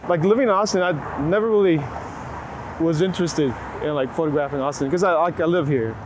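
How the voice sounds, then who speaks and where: A Texan photographer from Waco, his voice on the high side and a little fast, speaks casually in an interview, thinking aloud and peppering his speech with "like." The clip is recorded outdoors on a city street, with street and traffic noise clearly present, along with passing vehicles and urban ambience.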